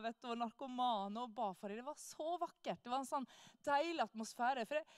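A woman tells a church testimony in a lively, animated way and acts out the people she quotes. Her voice sits a little high. The sound is dry and close, with no room echo. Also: smooth. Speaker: speaker sharing a testimony. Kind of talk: lively personal storytelling.

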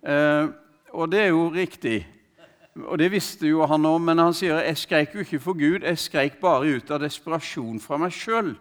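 Guy preaching, bit high voice, lots of uhs and restarts, retelling a story. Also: clear, resonant tone. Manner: conversational, hesitant with many fillers and restarts; retells a story, quoting the man he speaks of. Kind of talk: sermon storytelling.

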